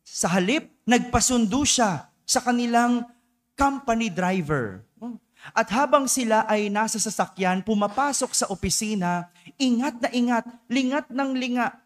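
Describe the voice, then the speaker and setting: A male priest giving a dawn-mass homily, telling a story and checking in with the congregation by asking them to agree. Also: very high-pitched. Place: church.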